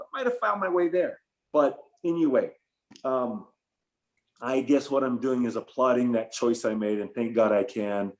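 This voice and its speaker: A man's voice: medium pitch, a little mellow. A middle-aged man speaking as an interview guest over a video call, enthusiastic and reflective, with fillers and restarts. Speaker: guest, photographer and former tour business owner. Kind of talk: casual interview talk.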